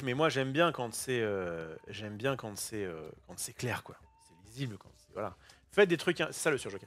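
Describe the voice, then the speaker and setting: A man hosting a casual card-opening session in his kitchen, chatty and excitable, thinking aloud and using casual slang. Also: mid-range voice. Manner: self-interrupting, thinking aloud. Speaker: host opening trading card boosters. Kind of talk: casual unboxing commentary. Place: home kitchen.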